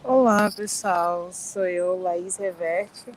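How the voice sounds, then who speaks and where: A woman from Espírito Santo, a filmmaker and geologist, introducing herself on an audio-only call in a measured way with pauses. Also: lowish voice, a little hiss or hum, low-quality recording. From Espírito Santo, Brazil. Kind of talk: casual panel introduction.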